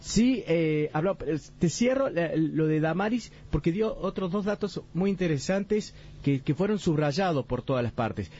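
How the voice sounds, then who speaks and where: Male court reporter, steady detailed delivery, slightly high warm voice, dull lo-fi radio audio. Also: normal speed, few pauses, husky. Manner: steady, detailed recounting with frequent restarts.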